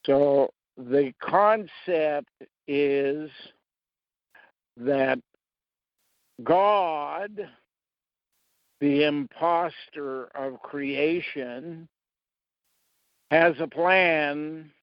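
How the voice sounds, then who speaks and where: A man talking through a slow, rambling monologue, pausing often between short phrases. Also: on the high side, steady tone, smooth, no room sound, muffled recording. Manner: halting, long pauses between phrases. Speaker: speaker sharing beliefs.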